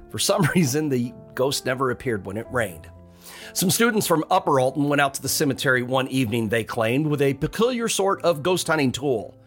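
Male podcast storyteller, slightly higher voice, dramatic ghost-tale delivery with dry humor, soft music underneath. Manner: dramatic storytelling with wry, chuckling asides. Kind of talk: scripted ghost-story narration.

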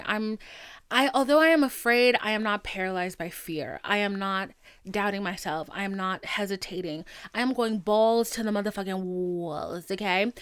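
A woman's voice: mid-range voice, fairly bright tone, clean tone, dry recording. A woman podcast host chatting casually and confessionally to listeners, candid, slangy and emphatic.

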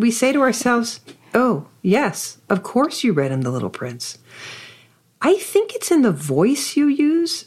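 A woman hosting an author interview, reading a prepared introduction and then asking effusive, admiring questions. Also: fairly low pitch. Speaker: podcast host interviewing an author.

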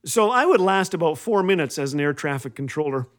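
A man hosts a humorous inspirational radio show, telling scripted comic stories in a wry, playful monologue and acting out the quoted lines. His voice is on the high side, expressive, and a little fast.

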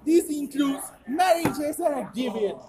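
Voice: high voice, animated, moderate pace, noisy background. A Singaporean speaker chatting casually in a group in colloquial Singlish, full of local particles and slang.

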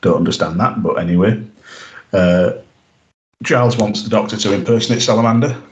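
A man co-hosting a podcast recaps an episode in casual, rambling chat, full of "you know" and "uh." His voice sits on the low side and moves briskly, with a roomy sound and low-quality recording.

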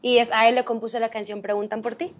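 Woman, high voice, lively storyteller, laughs often, casual chat. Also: quick pace, very noisy. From Culiacán, Mexico. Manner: animated, expressive storyteller with laughter. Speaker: guest singer.

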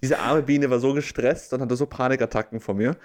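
A man's voice: medium pitch, fairly even intonation, fairly quick, a little mellow. Rambling man telling a story. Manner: rambling, restarting, telling jokes. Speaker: podcast co-host. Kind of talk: casual chat.

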